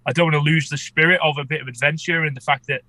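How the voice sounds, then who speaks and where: A man talks casually as a guest in an interview. His voice is fairly high and bright, yet stuffed up with a cold, as if underwater. The sound is dry and close. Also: steady tone, rapid-fire, no echo. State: congested with a cold, muffled as if underwater. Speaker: podcast guest, amateur shark expedition filmmaker.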